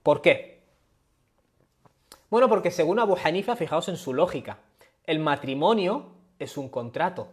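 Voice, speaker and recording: Male lecturer, slightly high voice, explanatory, keeps checking listeners follow. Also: expressive, a little fast. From Spain. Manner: explanatory, checks in with "¿vale?" often. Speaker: Islamic studies teacher. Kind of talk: live-stream lecture with questions. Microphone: webcam or phone on a live stream.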